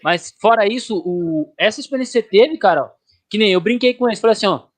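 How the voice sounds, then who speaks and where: A man hosts a loose chat, telling jokey stories full of slang. His voice is fairly high for a man, and its pitch swings widely as he talks. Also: fast. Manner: joking storyteller, lively slangy delivery. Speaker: host. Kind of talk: casual podcast chat.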